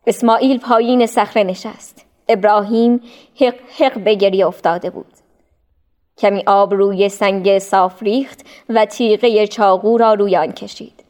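A woman narrating a storybook in a measured, expressive way. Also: mid-range voice. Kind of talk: storybook reading.

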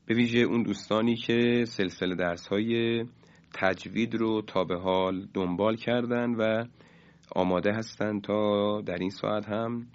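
Teaching Quran recitation rules over the radio, a man speaks in a measured, steady tone with a voice on the low side. He slowly draws out key terms and chants example words louder, all in lo-fi sound.

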